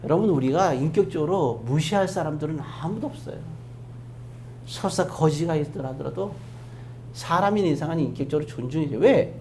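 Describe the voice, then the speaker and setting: A pastor preaching a Sunday sermon in a church, firing rhetorical questions at the congregation and dropping from loud emphasis to hushed asides. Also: medium pitch, brisk, slight background noise. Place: church sanctuary.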